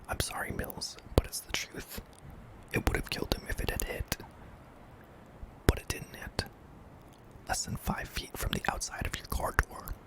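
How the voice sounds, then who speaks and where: A man narrating a scary story in a hushed, breathy ASMR whisper, deliberate and broken into short phrases. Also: low-quality recording. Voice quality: breathy, mostly unvoiced whisper with some creak.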